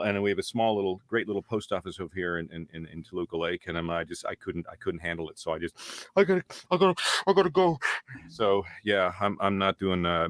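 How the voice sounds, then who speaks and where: A middle-aged man with a lowish voice, chatting as a guest on a group video call from home. He rambles, restarts his sentences and laughs as he goes, and the sound is dry and close. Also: no room sound. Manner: rambling, with frequent restarts and chuckles. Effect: heard over a group video call. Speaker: voice actor guest. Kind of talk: casual interview chat. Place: home room. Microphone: computer mic on a video call.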